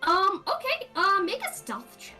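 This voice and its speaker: A woman's voice: extremely high pitch, huge pitch swings, measured pace, sharp tone, faint music behind. A woman running a tabletop game as game master, narrating casually and rambling through her scene descriptions. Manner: rambling, many fillers and restarts.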